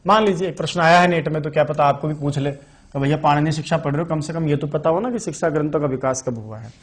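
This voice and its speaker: A fast, rather high-pitched man teaches Sanskrit grammar in an online exam-prep lecture. He poses questions, answers them himself, and keeps repeating the key terms.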